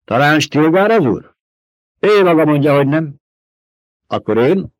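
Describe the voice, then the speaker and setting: A man reading an audiobook, voicing a young rebel leader who challenges a crowd with forceful rhetorical questions. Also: on the high side, expressive, no room sound, voice pushed up, close to an everyday voice. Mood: commanding. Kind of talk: audiobook character voice.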